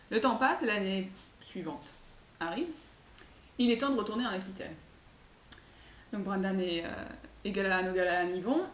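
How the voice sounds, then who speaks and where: A woman telling a folk tale in a casual, chatty way, full of hesitant fillers and asides. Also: medium pitch. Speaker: storyteller. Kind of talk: casual oral storytelling. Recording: echoey room, far mic, faint hiss.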